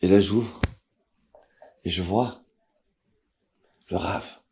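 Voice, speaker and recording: A man, a rabbi, telling a story aloud with drama, acting out the people in it and swinging from hushed to loud. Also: deep voice, very slow, a little hiss or hum. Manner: dramatic, voices characters with big swings in loudness. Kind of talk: emotional spoken storytelling.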